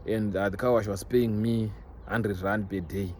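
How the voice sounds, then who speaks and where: This young vlogger, Zimbabwean in accent, talks to his followers at a moderate pace in a lowish, darkish voice with fairly even intonation. He's casual yet emphatic, repeating himself for stress and mixing in English phrases, recorded on a phone with noisy ambience around him.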